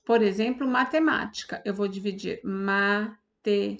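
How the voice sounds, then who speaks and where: A woman's voice: a little high, measured pace, lo-fi sound. Patient Brazilian woman teaching a class. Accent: Brazilian Portuguese. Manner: patient, explains step by step with frequent checks. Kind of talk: online class lesson.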